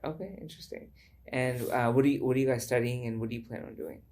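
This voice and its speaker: Gravelly man hosting with many fillers. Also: mid-range voice, fast talker, darkish tone. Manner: hesitant, many fillers, encouraging. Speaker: podcast host, professor. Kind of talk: casual academic interview.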